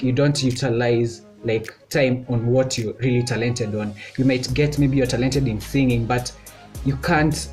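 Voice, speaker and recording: A man's voice: medium pitch, a little mellow. A young man from Kenya chats on his vlog in a loose, easygoing way, padding his talk with filler words. His voice sits mid-range, with faint music behind him. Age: young adult. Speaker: vlogger. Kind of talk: casual chat.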